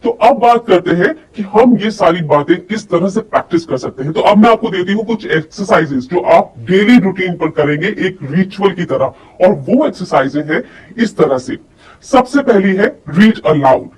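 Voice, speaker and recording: A voice and personality development coach gives an instructional lesson, addressing listeners directly with demonstrations and rhetorical questions. Her voice is on the low side, a little mellow, with lively intonation at normal speed, picked up by a distant microphone with faint background noise.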